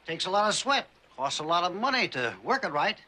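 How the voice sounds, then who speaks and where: A man's voice: high voice, very animated, fairly quick, pushed and bright, heavily acted. A man playing a fawning, over-friendly storekeeper in a TV western, folksy and ingratiating. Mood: placating, eager. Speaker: actor in a TV western. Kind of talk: TV western drama acting.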